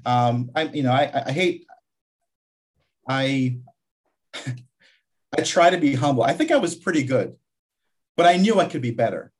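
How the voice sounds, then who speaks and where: A man's voice: mid-range voice, expressive, normal speed, pauses often, husky. A man from Guyana, a community college vice president, talking reflectively in an interview with frequent restarts. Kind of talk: interview conversation.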